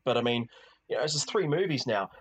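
Male podcast co-host, loose rambling film chat, average-pitched voice. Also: expressive, fast talker, slightly rough, rough recording. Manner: rambling, many restarts and "you know". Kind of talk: casual film review chat.

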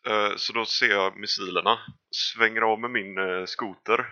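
A man's voice: fairly low pitch, steady tone, bright, forceful tone. A man playing in a tabletop game, talking in a laid-back, hesitant way. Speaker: player. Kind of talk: casual chat. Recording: dull lo-fi mic.

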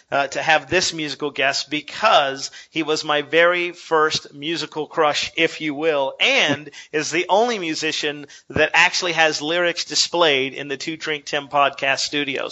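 Male podcast host, slightly higher voice, bright and forceful, eager and jokey, muffled lo-fi sound. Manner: eager, effusive and joking. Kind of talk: podcast interview.

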